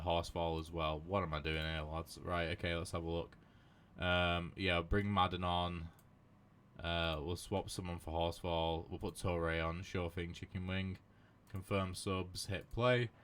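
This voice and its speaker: Young man, low and bright, cursing game commentary that swings from muttering to yelling. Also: slight background noise. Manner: swears freely, shouts at big moments, mutters over choices. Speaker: gaming commentator. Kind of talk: casual live commentary of a football management game.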